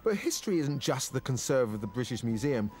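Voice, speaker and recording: A man's voice: medium pitch, very animated, fairly quick, darkish tone, faint music behind. A man presenting a food show, narrating with a playful, theatrical delivery and chatting with guests.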